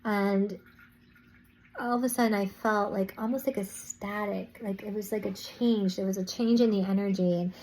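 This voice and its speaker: Woman vlogger telling her story casually, lots of restarts and asides, middle pitch. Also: fairly even intonation, moderate pace, darkish tone, slight background noise, low-quality recording. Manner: rambling, restarts and "I was like" asides. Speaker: spiritual vlogger. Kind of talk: casual spoken recounting.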